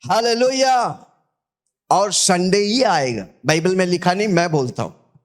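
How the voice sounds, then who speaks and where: High-voiced, slow-preaching man pastor. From India. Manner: call-and-response preaching, urging listeners to shout back; repeats scripture after the reader. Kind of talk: sermon.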